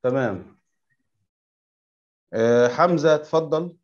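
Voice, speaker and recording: A man with an Egyptian Arabic accent teaching English to young pupils in an online class, patiently correcting them and repeating words slowly for them to echo. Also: on the high side, lively intonation, a little mellow, lo-fi sound. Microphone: video call.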